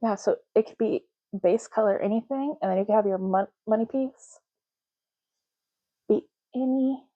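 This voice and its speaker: A medium-pitched woman murmurs through an ASMR roleplay in a slow, casual way, often going back over words deliberately. The audio has a lo-fi quality.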